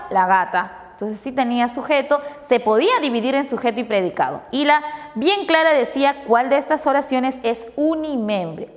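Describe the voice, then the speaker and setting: A woman's voice: sits high, big-room sound. A woman teacher from Peru walking pupils through test answers, asking questions and answering them herself. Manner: explanatory, asks and answers her own questions.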